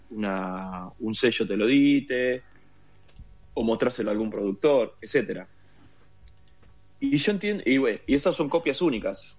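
An Argentine man with a Rioplatense accent, telling a long story as an interview guest with lots of fillers. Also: medium pitch. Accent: Rioplatense Spanish. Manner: rambling storyteller with many fillers. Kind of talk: casual interview conversation.

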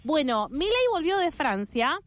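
A woman's voice: sits high, big pitch swings. A woman with an Argentine accent hosting a radio show, chatting casually and irreverently. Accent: Argentine Spanish. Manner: chatty, irreverent, quick asides. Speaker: radio host.

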